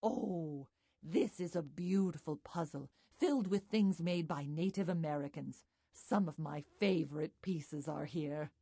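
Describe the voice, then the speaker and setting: Learning-game guide: slightly raspy, measured, instructive scripted narration, very dry sound. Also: female voice, low voice, warm tone, no room sound, full character voice.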